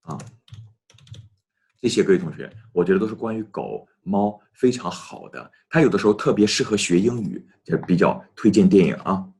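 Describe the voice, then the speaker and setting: A man with a very low, husky voice teaches English. His pitch moves a lot as he talks to his students. He slows down to repeat phrases clearly. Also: animated, a little mellow. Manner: repeats phrases slowly, addresses students often. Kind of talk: online English lesson.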